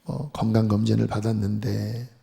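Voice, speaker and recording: A man's voice: on the low side, little pitch movement, moderate pace, vocal fry, dark tone. A man preaching a sermon as pastor in a church sanctuary, speaking with earnest, building intensity. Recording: long hall reverb from a church.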